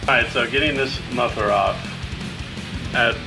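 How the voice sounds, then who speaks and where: A man's voice: medium pitch, measured pace, gravelly, music in the background. A man giving casual how-to narration as he works, with a tongue-in-cheek, wry way of talking. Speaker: host of a DIY motorcycle garage video.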